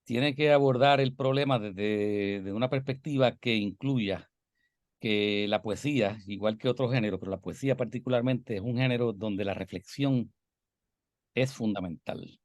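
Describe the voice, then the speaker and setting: A man's voice: fairly low pitch, normal speed, no echo. An older man with a Puerto Rican Caribbean Spanish accent gives discursive, reflective interview answers, repeating phrases for emphasis. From Puerto Rico. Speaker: interviewed poet and scholar.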